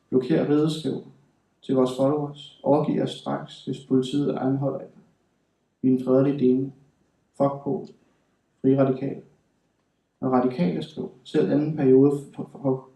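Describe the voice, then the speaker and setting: Male author reading his prose, flat and dark, distant mic in a reverberant room. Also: medium pitch, gravelly. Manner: measured, deliberate delivery with slow emphatic stretches. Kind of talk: literary reading. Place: reading hall at a writing school. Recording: roomy hall, voice from afar.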